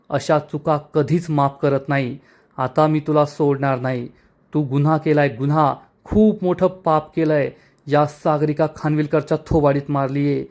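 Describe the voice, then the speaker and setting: A man's voice: a little high, a little mellow, close to an everyday voice. A man voicing a proud, vengeful young woman in a retold serial, talking bitterly and threateningly.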